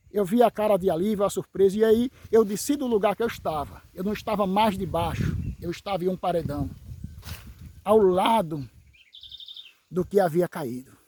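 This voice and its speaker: A man giving a dramatic testimony, emphatic, repeating phrases with dramatic pauses. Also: high voice, darkish tone, dry recording. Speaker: evangelical brother giving a testimony.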